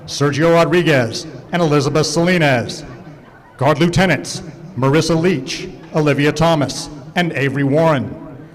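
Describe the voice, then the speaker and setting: A man announcing over the PA system at a football stadium, reading a halftime introduction and a list of names in a formal, measured way. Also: fairly high pitch. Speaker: stadium public address announcer. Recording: PA speakers with long stadium reverb.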